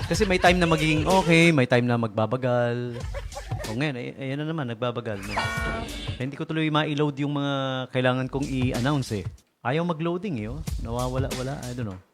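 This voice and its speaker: A man's voice: medium pitch, moderate pace, music in the background. A man hosting a radio show in casual talk, joking, laughing often and firing rhetorical questions at his listeners from the station studio.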